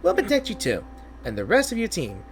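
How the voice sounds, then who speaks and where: Man putting on Paimon, a high, chirpy fairy girl. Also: huge pitch swings, brisk, full character voice. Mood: eager. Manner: eager, exclamatory. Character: small excitable chirpy fairy companion girl.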